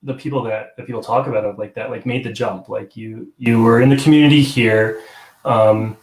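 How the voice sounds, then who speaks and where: A man with a medium-pitched, steady voice talks at normal speed while hosting a live online theater talk show over video call. The conversation is casual and rambling, peppered with chuckles and restarts, and the sound echoes like a big room.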